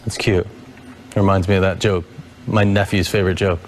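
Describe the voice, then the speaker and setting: A man's voice: deep voice, level tone, brisk. Pembawa berita pria, rekaman cukup berisik. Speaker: news anchor. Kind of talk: light feature news reading. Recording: noisy broadcast clip.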